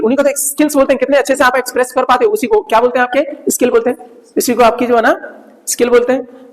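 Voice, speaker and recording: A man's voice: very high-pitched, in a large hall, low-quality recording. A male teacher giving a classroom lecture, asking his class questions and answering them himself.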